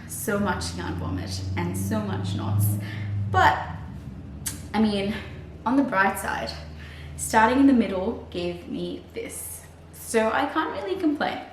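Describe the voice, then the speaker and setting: A woman chatting casually to her vlog audience as a crocheter, with a wry, self-deprecating manner. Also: mid-range voice. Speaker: crochet vlogger. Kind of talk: casual chat to camera, vlog. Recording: roomy, distant mic, faint hiss.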